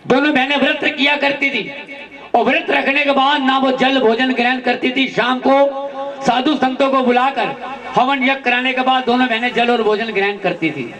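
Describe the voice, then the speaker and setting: A man narrates a devotional tale, speaking directly to the devotees and calling out refrains. His voice sits very high for a man. It sounds set back at some distance from the microphone. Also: steady tone, normal speed, pushed and bright. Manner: addresses devotees, calls out refrains. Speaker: devotional storyteller.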